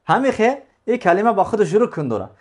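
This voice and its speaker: A man's voice: high-pitched, big pitch swings. A man teaching a religious lesson, explaining step by step, repeating key phrases and answering his own questions.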